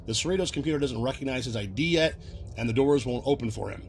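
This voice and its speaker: A man hosts a casual recap video, explaining references in a chatty way and laughing often. His pitch sits in the middle range. A faint noise hangs behind his voice. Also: fast. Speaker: video host.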